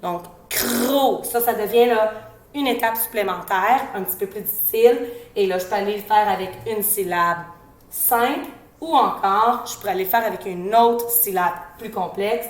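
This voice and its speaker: Québécois woman explaining, slow sounding-out. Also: medium pitch, reverberant. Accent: Québécois French. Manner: sounds out letters and syllables slowly and deliberately. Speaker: educator advising parents. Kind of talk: informal instructional talk.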